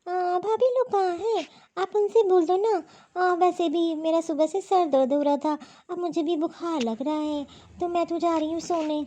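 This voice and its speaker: A woman's voice: very high voice, steady tone, moderate pace, few pauses, mellow. A woman voicing a rude, lazy young daughter-in-law in a cartoon story; she refuses curtly and dismissively. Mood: whiny.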